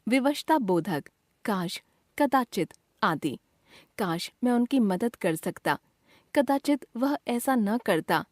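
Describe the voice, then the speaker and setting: A woman's voice: a little high, slow pace, no room sound, clean studio sound. A woman reading a scripted grammar lesson, acting out the example exclamations with feeling. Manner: reads examples with expressive emotion.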